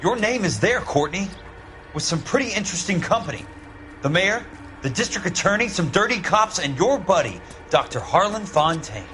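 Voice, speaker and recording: An actor playing a blunt, sardonic American war-veteran investigator in a hard-boiled crime game. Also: male voice, high-pitched, sing-song, normal speed, sharp tone, soft background music, full character voice. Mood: demanding, angry.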